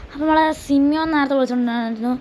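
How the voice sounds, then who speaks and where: High-voiced chatty woman gamer. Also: very fast, darkish tone, slight background noise. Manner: chatty, repeats herself, slangy address to viewers. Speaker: gaming channel host. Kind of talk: casual gameplay commentary.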